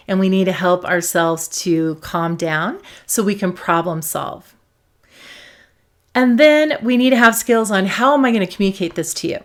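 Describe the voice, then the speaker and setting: A woman psychologist talks straight to camera about handling emotions. She speaks emphatically and repeats her key points to drive them home, in a mid-pitched voice. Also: a bit bright. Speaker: psychologist and host.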